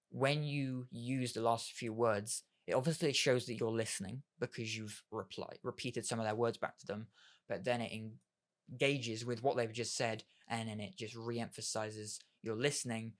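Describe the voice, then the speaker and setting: Casual male presenter, mid-pitched, rambling explainer delivery full of fillers and restarts. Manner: rambling, leans on "obviously" and "kind of"; acts out sample dialogue in a brighter voice. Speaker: communication skills presenter.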